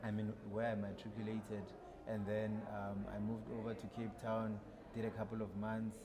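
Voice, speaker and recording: A man from South Africa, around his thirties, telling stories as a podcast guest in a relaxed manner with many fillers. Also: lowish voice, normal speed, a crowd in the background. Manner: relaxed storytelling with frequent fillers. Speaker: podcast guest, long-distance walker. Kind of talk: casual interview chat. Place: podcast studio.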